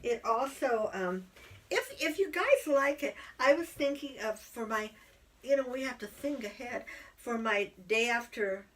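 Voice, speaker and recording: A woman's voice: fairly high pitch, animated, unhurried, a bit bright. Chatty middle-aged woman, slightly distant mic. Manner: chatty, rambling with fillers. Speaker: podcast co-host, yarn dyer. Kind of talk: casual chat.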